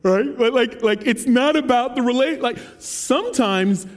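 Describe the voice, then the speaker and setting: A man in his thirties with a bright, high-set voice delivers a relaxed, conversational sermon. He slips in self-deprecating jokes as he goes. A long hall reverb trails every phrase. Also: a little slow. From United States. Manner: casual, self-deprecating and joking. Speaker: teaching pastor. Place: large church sanctuary.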